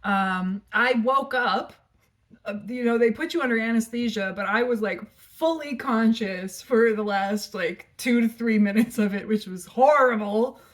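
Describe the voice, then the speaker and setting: A woman's voice: on the high side, unhurried. A woman vlogger telling a story in a casual, frank and profane way, rambling with lots of filler words.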